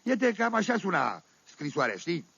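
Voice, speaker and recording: Un actor care interpretează un sătean oltean de vârstă mijlocie, povestind glumeț și fără șir, cu accent oltenesc, într-o comedie radiofonică. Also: male voice, high-pitched, big pitch swings, creaky, a bit bright, slightly rough, no room sound, full character voice. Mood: amused, rambling. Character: folksy Oltenian village man telling tales. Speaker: storyteller. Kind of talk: 1970s radio comedy monologue. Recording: dull dry 1978 vinyl radio recording.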